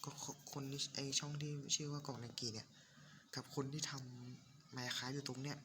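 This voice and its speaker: A man's voice: mid-range voice, level tone, moderate pace, background noise. Stuffy-nosed man joking through a game. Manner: rambling, joking, swears, talks to viewers. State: stuffy nose. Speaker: gaming YouTuber. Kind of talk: casual Minecraft let's play commentary. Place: home room at night. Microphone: desk mic.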